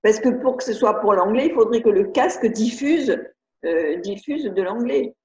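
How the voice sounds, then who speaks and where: Speaking at a normal speed with lively intonation, this woman has a slightly high, mellow voice and a French accent. She's an educator hosting a live video-conference webinar, chatting hesitantly and restarting often as she reads and answers viewer questions. The sound comes through a computer mic on a video call, muffled and roomy.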